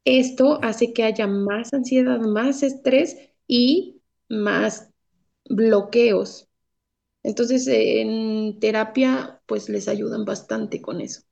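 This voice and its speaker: A woman's voice: on the high side, steady tone, drawn-out words, gravelly, a little mellow, highs cut off. A woman guest therapist explaining speech patterns patiently, step by step, in an interview.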